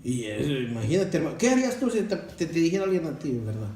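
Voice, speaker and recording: Preaching his testimony to the congregation, a man calls them brothers and throws out rhetorical questions, speaking fast in a fairly high, dark-toned voice with big pitch swings. The recording carries a little hiss or hum and comes from far away in an echoey room with faint ambience.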